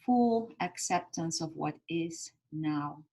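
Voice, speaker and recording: Slow, calm woman guiding grounding meditation. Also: low voice. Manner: soothing, gently instructive, pausing between short phrases. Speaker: meditation guide.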